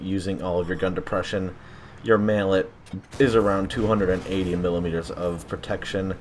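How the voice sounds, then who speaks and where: A man's voice: deep voice, slight background noise. A man with a sore throat giving casual, rambling commentary over his tank game, often correcting himself. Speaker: gaming channel host.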